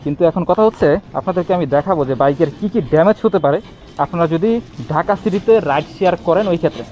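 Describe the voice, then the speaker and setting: A man's voice: a little high, mellow, low-quality recording. A man with a Bangladeshi accent giving a casual vlog explanation to viewers, speaking from inside a helmet. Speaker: motorbike vlogger. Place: outdoors by a city road. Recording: light outdoor street and vehicle noise.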